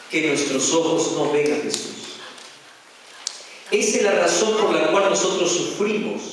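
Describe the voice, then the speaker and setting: A male pastor delivers a sermon in a big church sanctuary, his voice rising and falling widely as he questions the congregation. He stretches out key phrases slowly for weight. The sound is distant and heavily echoey, with a long reverb tail. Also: sits high, a bit bright, slight background noise. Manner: asks the congregation rhetorical questions; slow, drawn-out emphasis on key phrases.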